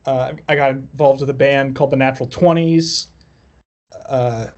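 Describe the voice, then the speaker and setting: A musician guesting on a podcast tells personal stories casually, with dry, self-deprecating wit. His medium-pitched, slightly mellow voice moves at a moderate pace with fairly even intonation, and the audio sounds dull.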